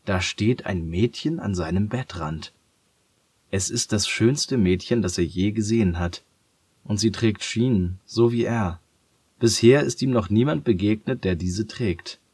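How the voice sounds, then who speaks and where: A man reading a children's story aloud in a calm, gentle and measured way. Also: fairly low pitch, slightly rough, no room sound.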